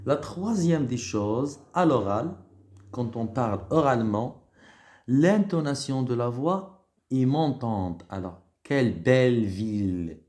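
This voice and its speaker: Mellow-voiced male teacher explaining grammar. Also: medium pitch. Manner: patient, explanatory, often repeats and restarts words. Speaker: schoolteacher. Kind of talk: recorded grammar lesson for pupils.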